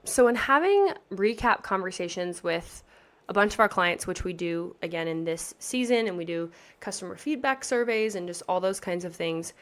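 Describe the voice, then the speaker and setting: A woman's voice: on the low side, lively intonation, moderate pace. A woman in her thirties, a pageant coach, talking on her podcast in a chatty, earnest, motivational way with lots of emphasis. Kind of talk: casual podcast chat.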